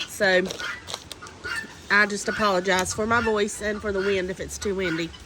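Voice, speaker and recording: Congested from a cold, this woman speaks at medium pitch, in a steady tone and at normal speed. She's a homesteading vlogger repotting seedlings outside in the wind, chatty, homey and instructive, with faint wind in the background.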